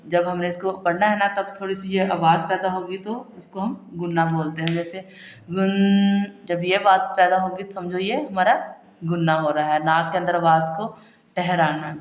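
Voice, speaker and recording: A woman teaching a step-by-step recitation lesson, asking and answering her own questions and stretching each example out slowly. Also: on the low side, fairly even intonation, roomy sound, dull audio. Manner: repeats examples slowly and drawn out.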